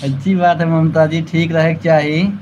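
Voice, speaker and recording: A man's voice: on the high side, flat delivery, moderate pace, darkish tone, muffled recording, a little hiss or hum. A man with an Awadhi accent hosting a casual live stream, chatting with viewers and thanking them by name.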